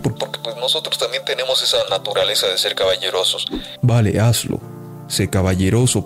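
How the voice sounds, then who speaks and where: A man's voice: fairly low pitch, darkish tone. A man hosting a podcast, talking in a casual, preachy monologue straight at his listeners. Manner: preachy, addresses listeners directly. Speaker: podcast host.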